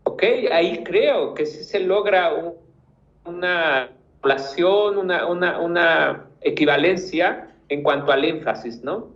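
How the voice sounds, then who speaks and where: A man's voice: fairly high pitch, takes it slowly, fairly bright tone, roomy sound, lo-fi sound. A man teaching a class, patiently giving feedback to students by name and restarting his sentences as he thinks. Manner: patient, encouraging, gives corrections by name.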